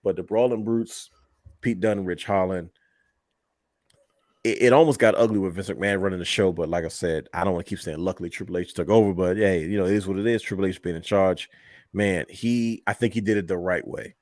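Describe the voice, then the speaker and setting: A man co-hosting a casual late-night wrestling chat, talking in loose, animated bursts and trailing off mid-sentence. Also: sits low, fairly quick, no echo, studio quality. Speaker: podcast co-host.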